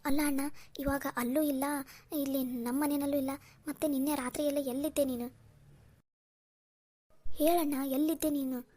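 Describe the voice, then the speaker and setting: An earnest, worried younger sister from a dubbed cartoon drama, as a woman voices her. Her voice sits high for a woman and she presses her brother with caring, scolding pleas. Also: fairly even intonation, normal speed, long pauses, mellow, natural voice.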